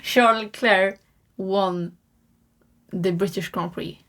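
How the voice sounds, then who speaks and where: A young woman co-hosting a casual podcast, giggly and excitable, quick to agree. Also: mid-range voice. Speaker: podcast co-host. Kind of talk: casual chat.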